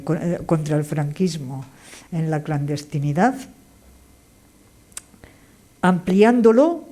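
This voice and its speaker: Slow, low-voiced older woman explaining. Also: warm tone. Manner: measured, explaining with frequent hesitations. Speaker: guest speaker, activist. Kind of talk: panel discussion answer.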